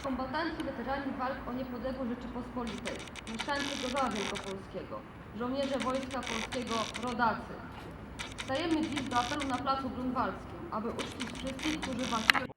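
A woman reads a solemn ceremonial address in a high voice. She is far from the microphone and nearly buried in loud noise. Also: normal speed. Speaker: reader of a roll of remembrance. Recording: distant, echoey, very loud noise.

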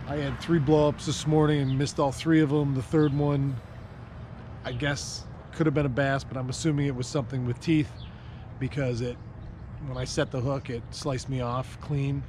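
A man in his thirties talking casually about fishing as he casts from a lake dock, recorded on an action camera. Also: mid-range voice. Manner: chatty, excited when fish strike. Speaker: fishing channel host. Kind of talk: casual fishing vlog narration. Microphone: action camera, chest-mounted then on a stand. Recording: outdoor camera mic with noticeable background noise.

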